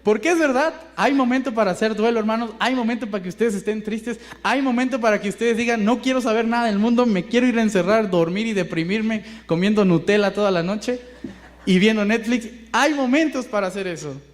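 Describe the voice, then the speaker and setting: A male Mexican pastor with a Mexican accent delivers a sermon in a notably high voice. He talks conversationally, asking the congregation rhetorical questions and acting out the voices he quotes. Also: fairly quick.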